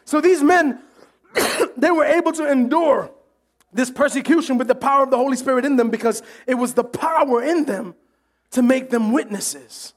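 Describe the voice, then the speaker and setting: A male pastor delivers a sermon in an extremely high-pitched voice at a normal speed. His delivery is animated, full of jokes, and he acts out the voices of the crowd.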